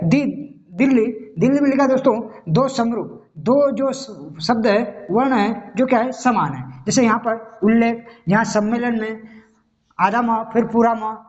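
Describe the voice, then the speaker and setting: A Hindi grammar teacher with a very high-pitched, darkish-toned voice explains a lesson step by step in a classroom-style video, pausing often to confirm the listener is following. The audio is a dull lo-fi recording.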